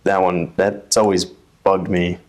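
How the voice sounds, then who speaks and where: A man's voice: deep voice, flat delivery, a little slow. A young man from the USA talking casually as an interview guest, often restarting and repeating words. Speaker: guest, telemark ski racer.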